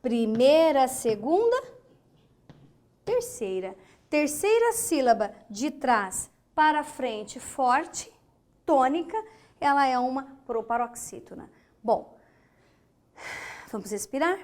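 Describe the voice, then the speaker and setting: Speaking slowly with long pauses, a high-voiced woman whose pitch swings widely leads a recorded online grammar lesson at a board. Her accent is Brazilian Portuguese; she counts syllables aloud and checks on her students as she goes, in a whiteboard lesson studio.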